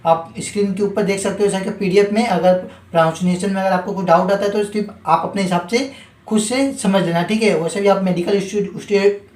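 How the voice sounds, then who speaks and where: Halting male pharmacy tutor, echoey room. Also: sits high, fairly even intonation, darkish tone. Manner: halting, frequent self-corrections and filler checks. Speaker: pharmacy teacher. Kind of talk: casual spoken lesson.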